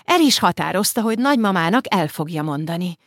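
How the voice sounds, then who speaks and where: A woman narrating an audiobook in a calm, measured storytelling manner. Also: lowish voice, no echo, studio quality. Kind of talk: scripted narration.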